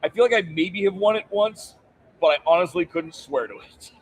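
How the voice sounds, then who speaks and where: A man's voice: high-pitched, normal speed, a little hiss or hum. A man co-hosting a live board game stream at a convention. He has the hiccups and talks in a playful, jokey way, laughing often. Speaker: board game channel co-host. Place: convention center.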